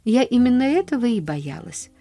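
A woman reading a storybook aloud, voicing a warm-hearted young housemaid with a homely, coaxing, plain-spoken manner. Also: fairly high pitch, very animated, moderate pace, creaky, soft background music, pitched above the performer's own voice.

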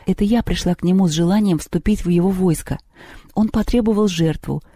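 A man's voice: high voice, fairly quick, mellow, no room sound, clean studio sound. A man doing an earnest, pleading young girl. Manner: pleading, anxious.

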